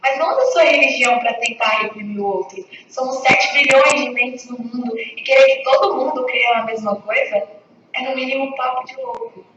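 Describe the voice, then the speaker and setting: A woman reciting a poem in a measured, rhythmic way. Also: high voice, a bit bright. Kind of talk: poetry recitation. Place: university lecture room. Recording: echoey hall, distant, dull, noisy.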